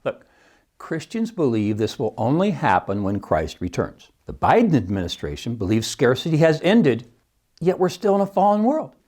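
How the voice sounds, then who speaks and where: A man's voice: mid-range voice, wildly swooping pitch, normal speed, darkish tone. A middle-aged man hosting a solo podcast, wry and scoffing, often laughing at his own points. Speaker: podcast host and economics teacher.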